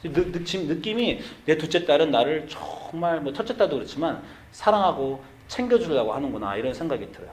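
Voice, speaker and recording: A man's voice: a little high, lively intonation, a little fast, few pauses, slight background noise. A male pastor in his forties preaching a sermon, telling a family story and acting out the voices of himself and his daughter.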